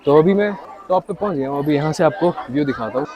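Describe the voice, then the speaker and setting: A man's voice: fairly high pitch, animated, fast talker, highs cut off, a faint crowd. Indian man vlogging outdoors among crowds. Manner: chatty, addresses viewers directly, mixes in English words. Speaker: travel vlogger. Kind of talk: casual travel vlog to camera. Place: outdoors at a busy hilltop temple.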